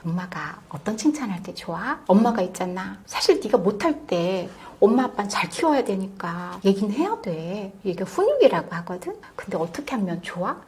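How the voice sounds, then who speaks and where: A woman giving parenting advice on a talk show, emphatic, swinging from loud stresses to hushed near-whispers. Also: mid-range voice, sing-song, moderate pace, few pauses. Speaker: parenting expert guest.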